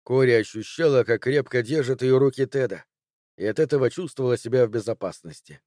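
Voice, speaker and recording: A man reading an audiobook chapter in steady, measured narration. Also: mid-range voice, no room sound, studio quality. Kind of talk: scripted narration.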